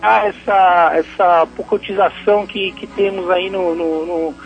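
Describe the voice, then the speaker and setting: A man's voice: high-pitched, steady tone, measured pace, soft background music. A man calling a radio show over the phone, talking hesitantly and tagging his phrases with questions. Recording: muffled phone line.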